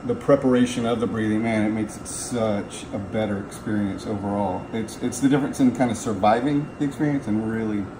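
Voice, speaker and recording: A man's voice: on the low side, a little fast, hardly any pauses. A man speaking casually and conversationally about his own experience as an ice bath practitioner. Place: garage. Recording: echoey garage, clear background noise.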